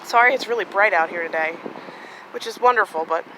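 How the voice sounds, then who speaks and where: A gardening vlogger strolls through her sunny home garden, chatting casually into a handheld phone camera and using lots of fillers. Her medium-pitched voice is brisk and fairly bright, though the poor audio carries a little hiss or hum.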